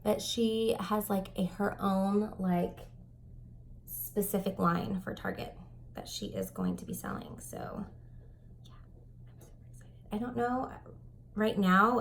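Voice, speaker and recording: A young woman talks through a makeup routine at home in a loose, rambling way, full of fillers. Her voice has a gravelly fry at the ends of phrases. She often slips into soft, breathy whispered asides, over a faint background hiss. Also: medium pitch. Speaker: beauty vlogger. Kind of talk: makeup tutorial chat.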